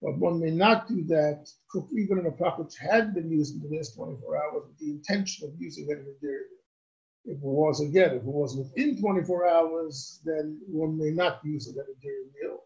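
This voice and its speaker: A man, a rabbi, answering questions on religious law in a deliberate, explanatory way and restating his points. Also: on the high side, darkish tone. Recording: dull lo-fi recording.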